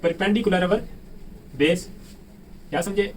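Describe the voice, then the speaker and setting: Pakistani male math tutor, high voice, quizzes and answers himself, mic far off. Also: a little slow. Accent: Pakistani Urdu. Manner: asks the class questions and answers them himself. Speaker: math teacher. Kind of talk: whiteboard math lesson. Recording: distant mic with faint room noise.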